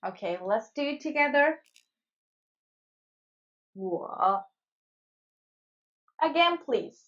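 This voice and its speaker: Speaking clearly and very slowly, a woman Chinese teacher with an expressive, slightly high voice guides beginners through a scripted lesson in English. She encourages the learners throughout, and the recording sounds somewhat dull and lo-fi.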